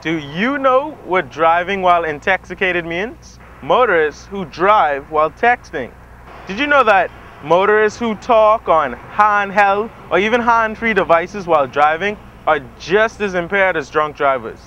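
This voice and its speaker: Male PSA announcer, high sharp tone, slightly dull audio. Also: animated, measured pace, a little hiss or hum. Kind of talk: public service announcement.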